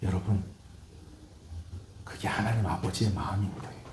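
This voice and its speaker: A male pastor preaching a sermon in a church sanctuary, telling stories in an animated way. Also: deep voice, normal speed, noisy background. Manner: animated storytelling preacher, acting out scenes. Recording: echoey church hall.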